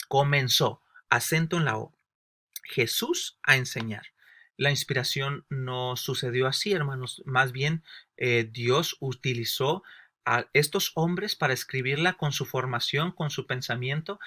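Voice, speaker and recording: Bright, forceful school teacher. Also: male voice, a little high. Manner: explains with everyday examples and asks rhetorical questions; addresses listeners often as brothers and sisters. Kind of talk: Bible lesson for new believers.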